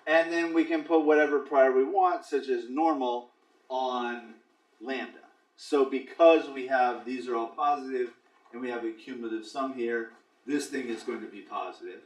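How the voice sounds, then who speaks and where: A man's voice: mid-range voice, fairly even intonation, moderate pace, far from the mic. Lecturing man, echoey hall from afar. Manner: explains step by step, dry asides. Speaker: statistics lecturer. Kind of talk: classroom lecture. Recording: echoey classroom recorded from afar.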